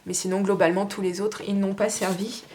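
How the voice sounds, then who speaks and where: A woman's voice: medium pitch, level tone, fairly quick, background noise. Chatty woman, hesitant, full of fillers. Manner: chatty and informal. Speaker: crafter selling her stamps. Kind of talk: casual show-and-tell sale.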